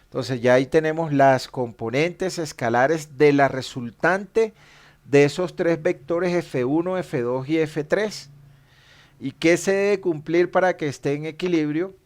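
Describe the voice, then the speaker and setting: A man's voice: a little high, a little slow. A man teaching a statics class, explaining equations patiently and stopping to correct his own mistakes.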